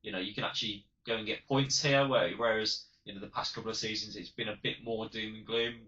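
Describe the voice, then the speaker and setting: A man co-hosting a casual fan podcast, agreeable and enthusiastic, chiming in with quick replies. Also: lowish voice, fairly even intonation, pushed and bright, muffled recording. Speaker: podcast co-host.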